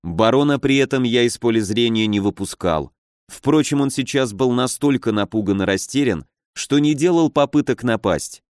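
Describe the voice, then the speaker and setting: Guy reading a fantasy audiobook, mid pitch, even and measured, no room echo at all. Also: studio quality. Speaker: audiobook narrator. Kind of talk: first-person fantasy audiobook narration.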